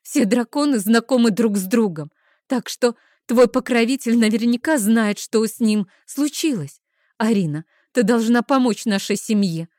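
A woman reading an audiobook, voicing a pushy, excitable young woman friend with loud, insistent exclamations. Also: fairly high pitch, moderate pace, no room sound, studio quality, pitched above the performer's own voice, close to an everyday voice. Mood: demanding. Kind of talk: audiobook character voice.

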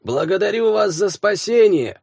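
A man's voice: high voice, animated, moderate pace, a little mellow, no echo, clean studio sound, voice pushed up, exaggerated voice. Man voicing a scratchy old half-elf elder woman. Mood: solemn. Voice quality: scratchy, creaking voice.

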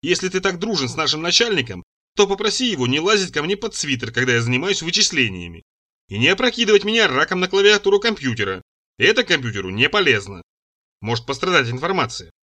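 A blunt, fierce young woman scientist, as read by a man fires back indignant retorts in a lively, swinging voice. The tone is bright and forceful, recorded close and dry in an audiobook reading. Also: fairly high pitch, fast, dry recording, full character voice. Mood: firm.

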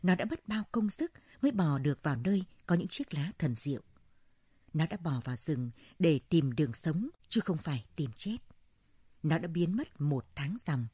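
Female folk-story narrator, husky and low, measured delivery. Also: expressive, dark tone, no room sound, studio quality.

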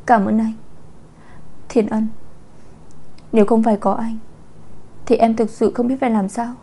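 A woman's voice: on the high side, flat delivery, a little slow, mellow. A woman reader voicing a frightened, tearful young woman who pleads with her lover, in a storybook reading. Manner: pleading, sobbing.

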